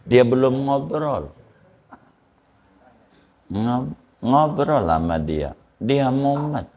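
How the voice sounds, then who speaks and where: A man's voice: mid-range voice, animated, drawn-out words, darkish tone. A man giving a casual, joking religious lecture, acting out little dialogues as he teaches. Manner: chatty, joking, acts out dialogues. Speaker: Islamic preacher.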